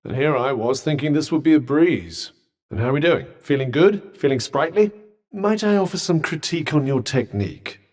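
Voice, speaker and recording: A man's voice: fairly high pitch, lively intonation, normal speed, darkish tone. A British man voicing a haughty, disembodied magic cuff, a pompous, dry and sarcastic video game companion who speaks eloquently. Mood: sardonic. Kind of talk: scripted video game voice lines.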